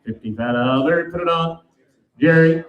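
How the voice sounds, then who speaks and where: A man's voice: a little high, moderate pace, dull audio. A man calling bids as a livestock auctioneer in a sale barn, in a rhythmic sing-song number chant with filler calls. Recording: roomy, from far off.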